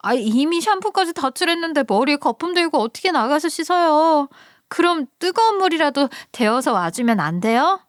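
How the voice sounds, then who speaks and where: A high, whining young woman pleads and complains in a storybook radio tale, as a woman narrator puts her on. The voice sits well above the narrator's own and sounds close and dry. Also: big pitch swings, normal speed, dry recording. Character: whiny young woman, sister-in-law.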